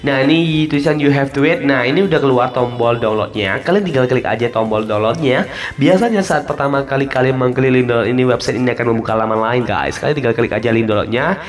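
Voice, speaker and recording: Over background music, a tutorial host narrates an app walkthrough in a fast, mid-range male voice. He keeps it casual and step-by-step, restating instructions informally and stretching out the ends of phrases.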